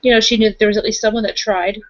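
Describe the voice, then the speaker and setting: This game master speaks at a racing pace in a steady, mid-range voice. She's improvising in-character roleplay and narration for her tabletop group, casually and bluntly. Sound quality is dull and lo-fi.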